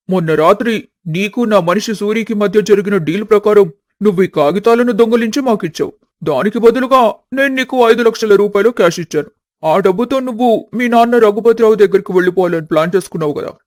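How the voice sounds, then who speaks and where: A man's voice: high voice, fairly quick, no echo, clean studio sound, natural voice. A man voicing a gloating village headman. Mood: accusing. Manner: mocking, boastful. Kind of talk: animated storybook dub.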